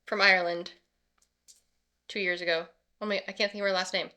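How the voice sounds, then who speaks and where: Bright-voiced woman hosting a reaction chat. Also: medium pitch, flat delivery. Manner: laughs often, quick asides. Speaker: channel host.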